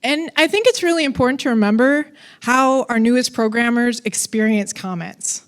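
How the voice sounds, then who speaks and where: A woman's voice: fairly high pitch, normal speed. A woman giving a conference talk on coding, casual and playful, with fillers and asides. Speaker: conference speaker.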